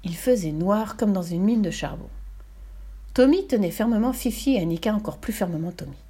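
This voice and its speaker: A woman narrating a children's story aloud in an expressive, animated reading. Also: medium pitch, brisk, breathy edge.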